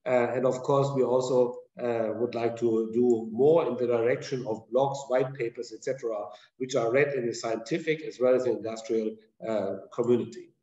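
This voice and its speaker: A man chairing an online seminar, introducing speakers in a halting way full of hesitations, heard over a video call. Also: medium pitch, steady tone, mellow. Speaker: webinar chair and moderator. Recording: roomy, dull lo-fi call audio.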